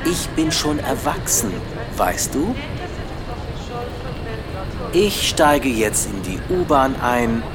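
A man playing an affectionate, reassuring caller in a scripted phone conversation, gentle and deliberate. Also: mid-range voice, big pitch swings, music in the background.

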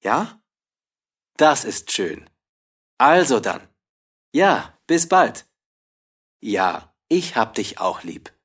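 Male actor as an affectionate, reassuring man on a phone call, very measured pace, lively swooping intonation. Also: mid-range voice, slightly rough, heavily acted.

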